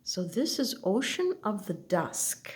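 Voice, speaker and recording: A woman slowly looking through an oracle deck, speaking softly and at times dropping to a whisper. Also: medium pitch, very animated, slight background noise. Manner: soft, slow, gently admiring, drifts into whispers. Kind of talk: slow unboxing commentary.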